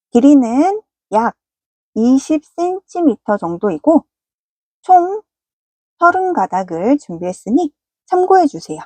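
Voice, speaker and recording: A woman's voice: a little high, darkish tone, no echo. Patient woman teaching crochet. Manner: polite, patient and instructive. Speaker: crochet instructor. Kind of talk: step-by-step crafting tutorial.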